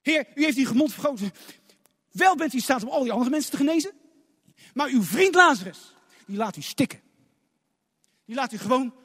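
A man voicing a grieving, indignant woman who pleads loudly and reproachfully with her Lord. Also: very high voice, animated, brisk, long pauses, husky, exaggerated voice. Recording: long hall reverb.

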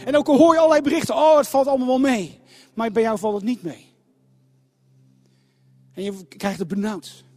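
A man preaching a sermon, emphatic and dramatic, dropping to a hush and then building up loud. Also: very high-pitched, steady tone, normal speed, pauses often, no room sound. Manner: emphatic, dramatic swings between hushed and loud.

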